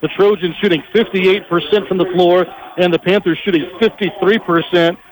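On a rough recording, a high-voiced man calls live basketball play-by-play with excitement. His calls come rapid and energetic, rising on the big plays.

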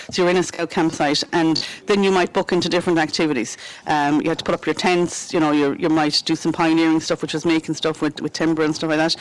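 A woman's voice: deep voice, low-quality recording. A middle-aged woman with a west of Ireland accent, chatting and explaining things as an interview guest. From Galway, west of Ireland. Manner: chatty, explanatory, frequent "you know" and "stuff like that". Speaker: interview guest, Scout leader. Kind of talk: conversational interview answers.

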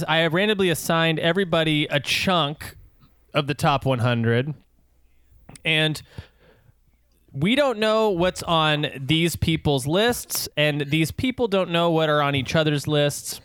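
A man's voice: a little high, fairly bright tone, clear, resonant tone, no room sound, studio quality. A man hosting a casual group podcast, rambling and laughing often as he explains the game. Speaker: podcast host.

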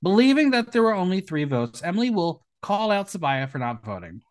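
Here a man's voice sits high and sounds very animated as he moves at a fairly quick clip. Hosting a podcast, he walks through an episode in a playful, theatrical recap peppered with questions he doesn't expect answered.

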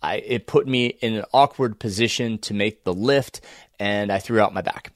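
An American man with a croaky, froggy voice, congested from a cold, talking casually and unhurriedly as he hosts a solo podcast. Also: on the low side, moderate pace, dry recording, studio quality. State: under the weather, congested. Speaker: podcast host and running coach.

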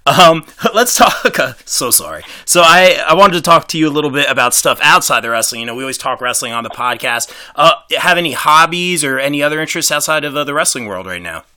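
A man's voice: on the high side, expressive, fast talker, hardly any pauses, pushed and bright. A man hosting a podcast interview in casual, joking chat with hesitant, repeated phrasing. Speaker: podcast host.

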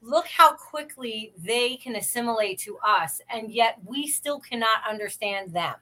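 A woman chatting casually as a co-host, enthusiastic and quick to interject. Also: a little high, expressive, sharp tone, low-quality recording. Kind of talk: casual chat.

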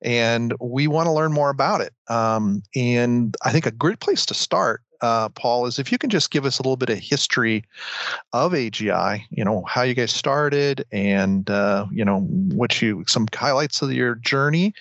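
A man's voice: mid-range voice, lively intonation, moderate pace, a bit bright, no echo, highs cut off. An American man hosting a podcast indoors, interviewing guests in a casual conversational style. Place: indoors at home.

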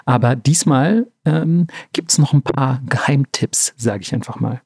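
A man co-hosting a podcast, retelling a fairy tale in a relaxed, slangy way with many fillers. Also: medium pitch, measured pace, gravelly, husky, no echo, studio quality. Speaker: podcast co-host. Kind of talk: casual storytelling chat.

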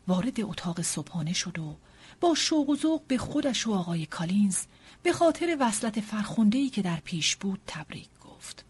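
A woman narrating a novel as an audiobook, telling it expressively and dropping to softer passages. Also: medium pitch, slightly rough.

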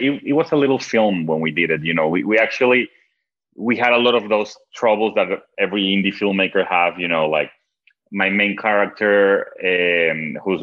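A Venezuelan film director, a man whose first language is Spanish and who has a Venezuelan accent, answers interview questions in a voice that sits low. His speech is halting, with frequent restarts and laughs. The sound is dull and lo-fi.

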